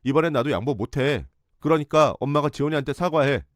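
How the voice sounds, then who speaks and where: A man's voice: a little high, lively intonation, fast, dry recording, pitched above the performer's own voice, natural voice. Man playing a young boyfriend, pleading, begging, slightly raised, dry sound.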